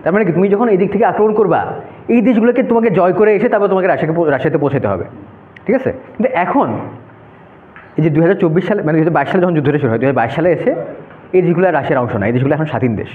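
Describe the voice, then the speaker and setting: A man's voice: a little high, rapid-fire. A young man giving an informal classroom lecture, talking students through a map and often checking "okay?". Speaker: debate workshop instructor. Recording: echoey room, phone-like narrow sound.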